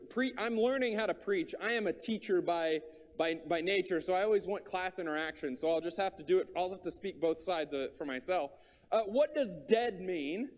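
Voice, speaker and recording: A man's voice: sits high, in a large hall. A man preaching a sermon, earnest and repetitive, thinking aloud with small restarts.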